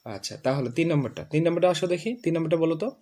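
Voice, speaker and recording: Bengali-accented male tutor, patient classroom drills, repeats each word slowly. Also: fairly high pitch, animated, warm tone. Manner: drills words slowly, repeats them for a student. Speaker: English pronunciation teacher. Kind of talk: classroom lesson.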